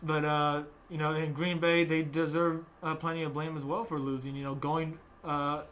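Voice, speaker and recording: A man's voice: on the high side, flat delivery, moderate pace, fairly bright tone, a little hiss or hum. A young man hosting a casual sports chat, rambling with many fillers and restarts. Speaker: podcast host.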